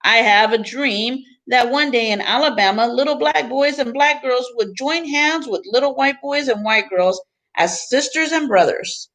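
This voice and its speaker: Reading a picture book aloud to students, a woman teacher phrases things deliberately in short chunks and slips in teaching asides. Her voice is on the high side and a bit bright, and the audio quality is poor.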